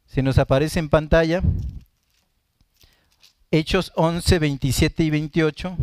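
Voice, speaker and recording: A man preaching a live-streamed Bible teaching sermon. He reads scripture at an unhurried pace and explains it, often correcting himself in asides. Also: on the high side, darkish tone, no room sound.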